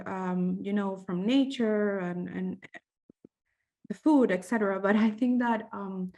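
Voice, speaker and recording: A young woman from Venezuela with a Venezuelan Spanish accent, a medical fellow presenting at a webinar, speaking haltingly with many fillers and restarts. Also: mid-range voice, darkish tone. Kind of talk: conference presentation.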